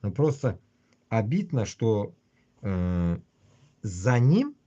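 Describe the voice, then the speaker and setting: A man with a husky voice, ranting casually and bluntly on a livestream with constant swearing. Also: fairly low pitch, big pitch swings, very slow, warm tone, dull audio. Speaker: livestream host. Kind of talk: casual rambling livestream rant.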